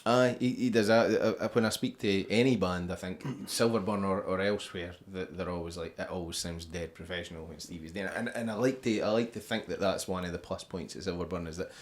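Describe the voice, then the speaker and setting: A man with a Scottish accent and a fairly low voice leads a casual chat as interviewer. He talks in a loose, rambling way, circling round his point. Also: brisk, few pauses. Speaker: interviewer and festival organiser.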